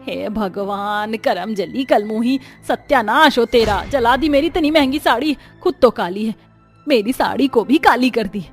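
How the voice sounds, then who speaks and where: A woman's voice: on the high side, lively intonation, normal speed, faint music behind, lightly acted. A woman voicing a stern older mother-in-law who scolds and curses her daughter-in-law. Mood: furious. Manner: scolding, cursing outbursts. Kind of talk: dubbed cartoon story voice.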